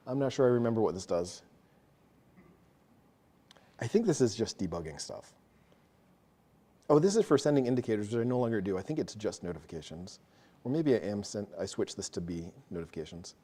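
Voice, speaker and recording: A man presenting a technical talk to a live audience, quick and casual, joking about himself. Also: lowish voice, lively intonation, warm tone. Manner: fast, casual, self-deprecating. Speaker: meetup presenter. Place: meeting room with an audience.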